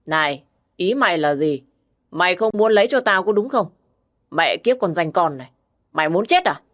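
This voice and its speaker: A woman's voice: fairly low pitch, expressive, normal speed, fairly bright tone. Woman doing a slurring drunk bully brother. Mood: threatening. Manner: slurred drunken drawl, abusive.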